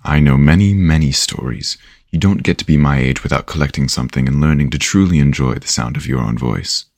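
A man voicing an older castaway storyteller who teases and lectures in an unhurried, knowing way. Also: extremely low pitch, vocal fry, darkish tone, no echo, clean studio sound. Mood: wry. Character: older wry storyteller, patient and teasing.

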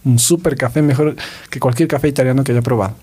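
A man co-hosting a religious podcast, retelling a saint's story in a casual, animated way with quoted voices and many fillers. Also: medium pitch, quick pace, breathy edge. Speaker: podcast co-host.

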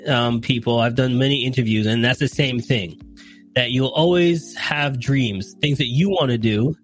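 A man hosting a podcast, chiming in with quick interjections during a conversational interview. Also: medium pitch, soft background music. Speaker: podcast host.

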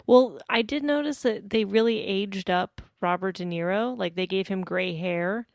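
A woman chats on a relaxed podcast, deadpan and quick with a joke. Her voice sits at a middle pitch and sounds dry and close to the mic. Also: dry recording. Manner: deadpan, jokey asides. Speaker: podcast co-host. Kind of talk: casual film discussion chat.

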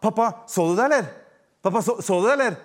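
A man's voice: sits high, pitched above the performer's own voice. A man doing an eager little kid calling for dad. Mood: eager asking. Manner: excited, insistent calling.

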